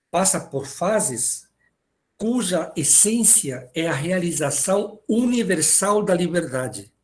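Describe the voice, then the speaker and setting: A man's voice: a little high, darkish tone. A man giving a philosophy lecture, reading passages aloud and explaining them, often repeating words as he hesitates. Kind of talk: university lecture.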